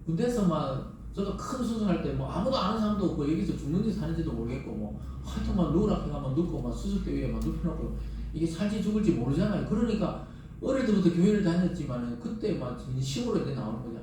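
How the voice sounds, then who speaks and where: A man's voice: a little high, sing-song, fast, warm tone, a little hiss or hum. A middle-aged man preaching a Sunday sermon, emphatic and full of rhetorical questions to the congregation. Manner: emphatic, rises and drops sharply for stress. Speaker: pastor. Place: church sanctuary. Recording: echoey church sound from a distant mic.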